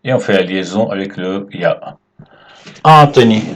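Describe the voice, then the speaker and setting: A man teaching Arabic letters at a whiteboard, explaining slowly and patiently and checking in with his students often. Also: low voice, steady tone, slight background noise. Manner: slow and patient, checks in with "d'accord?". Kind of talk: whiteboard language lesson.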